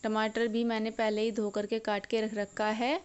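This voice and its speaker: Smooth woman cooking voice-over. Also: a little high, level tone, normal speed, lo-fi sound. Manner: explains each step plainly. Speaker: cooking vlogger.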